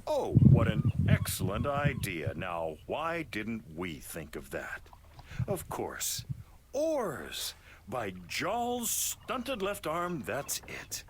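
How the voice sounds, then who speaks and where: Gruff sarcastic sea captain, slow drawl, lively swings in pitch, game voice. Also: male voice, a little hiss or hum, exaggerated voice. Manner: dry, heavily sarcastic. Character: gruff sarcastic male sailor, merchant captain. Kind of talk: video game voice acting.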